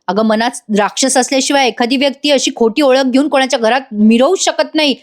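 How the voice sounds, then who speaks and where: A bitter young woman, read by a woman lashes out at the one who ruined her home. Her voice is high and scathing. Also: fairly quick, close to an everyday voice.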